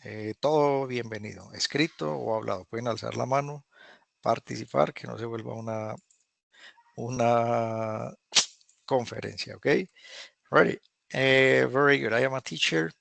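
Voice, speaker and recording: A man teaching English in an online class, patiently repeating phrases slowly for students to drill. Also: medium pitch, steady tone, creaky, fairly bright tone, a little hiss or hum. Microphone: video call.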